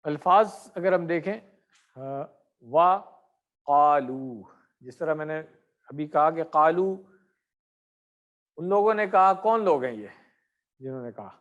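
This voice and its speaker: A man's voice: on the high side, animated, pauses often, phone-quality sound. A middle-aged man teaching Arabic grammar in an online class, correcting and quizzing his students by name.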